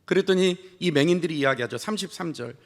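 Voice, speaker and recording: Male pastor with a high voice, preaching a storytelling sermon and asking the congregation questions, recorded in a church with long reverb. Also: quick pace. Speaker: senior pastor. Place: church sanctuary.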